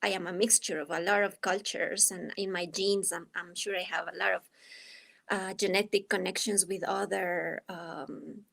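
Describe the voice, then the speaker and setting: Speaking at a normal pace in a lowish, creaky, slightly bright voice with fairly even intonation, this Ecuadorian guest answers an interviewer's questions. A dance artist and anthropologist with an Ecuadorian Spanish accent, she pauses thoughtfully to find her words.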